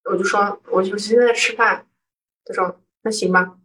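Young woman, from Guangzhou, casual storytelling, animated, indignant quoted lines, mic set at a distance. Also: mid-range voice, normal speed. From Guangzhou, southern China. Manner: animated, acts out quoted arguments with rising indignation. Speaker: guest telling a personal story. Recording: voice picked up from a distance.

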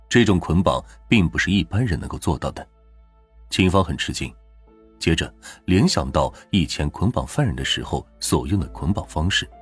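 A man narrating true crime from a script in a measured, serious storytelling way. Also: low voice, breathy edge. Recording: roomy echo with faint music. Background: faint background music.

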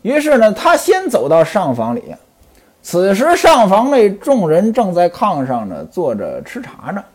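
A man's voice: high voice, wildly swooping pitch, unhurried, darkish tone, husky. A man telling a classical novel as a storyteller, chatty, with explaining asides.

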